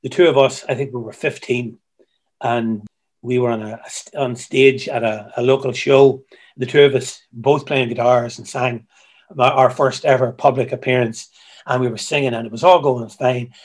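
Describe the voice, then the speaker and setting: A man, a musician guest who tells stories in a halting way, repeating words, heard over a video call. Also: medium pitch, fairly even intonation. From Ireland. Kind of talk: casual interview chat.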